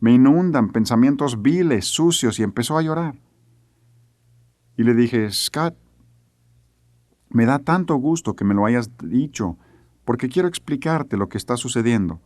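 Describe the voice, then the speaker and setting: A man's voice: medium pitch, animated, unhurried, long pauses, a little mellow, no room sound, studio quality. A middle-aged man teaching a sermon, telling a family story earnestly and acting out the voices he quotes. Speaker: preacher.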